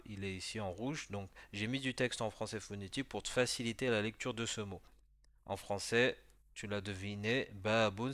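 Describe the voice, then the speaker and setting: A low-pitched man gives a patient beginner lesson, walking the listener through each step and often checking they follow. His voice is recorded dry and close, with no room sound. He slows down to sound out syllables for repetition. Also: a bit bright, no room sound. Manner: patient, explains slowly, often checks with "d'accord?"; spells out sounds slowly for repetition. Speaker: teacher. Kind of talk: beginner language lesson voice-over.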